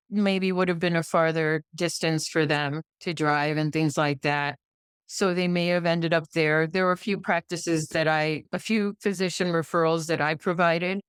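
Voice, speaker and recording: A middle-aged American woman, a pediatrician appearing as a podcast guest, speaks with emphasis in a conversational interview, driving her points home through repetition and rhetorical questions. Her voice sits lowish and smooth, and the dry recording has studio quality.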